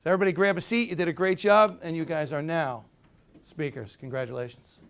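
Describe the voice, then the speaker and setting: Energetic man coaching a workshop. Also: a little high, fast, clear, resonant tone. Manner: energetic, coaching, leads the group in call-and-response; demonstrative, acts out postures and tones. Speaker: public speaking trainer. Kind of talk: live workshop teaching.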